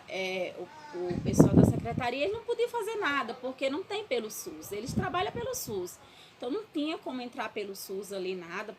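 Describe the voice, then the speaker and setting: Woman giving earnest testimony. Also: on the high side. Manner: emotional, earnest, frequent "né?". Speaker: testimony speaker. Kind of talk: personal faith testimony. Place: her bedroom. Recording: loud background noise.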